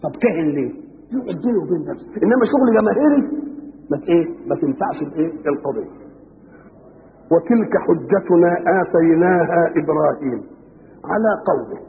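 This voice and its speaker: Egyptian male preacher for an archival radio sermon: very fast delivery, keeps posing rhetorical questions, faint hiss behind. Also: on the high side, expressive, gravelly. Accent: Egyptian Arabic. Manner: poses rhetorical fill-in questions to listeners. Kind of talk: sermon explaining scripture. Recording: old radio broadcast, tinny band, hall reverb, faint hiss.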